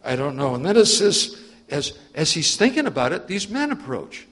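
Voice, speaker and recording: Husky-voiced preacher man reading scripture, slightly high voice, big echoey hall. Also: very animated, normal speed, a bit bright. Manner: reads scripture, then acts it out with asides.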